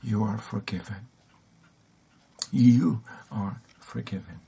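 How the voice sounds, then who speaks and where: A man voicing a maimed, forgiving old male prisoner, speaking earnestly and softly within a sermon. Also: fairly low pitch, takes it slowly, gravelly, slightly rough, full character voice. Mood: tender.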